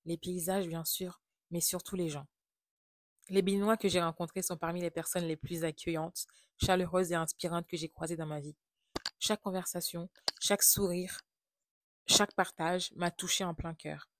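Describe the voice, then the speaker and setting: Softly spoken and reflective, a woman from Haiti with a French accent confides a personal travel story as a vlogger. She has a lowish, steady voice at a moderate pace, recorded with clean studio sound and no echo.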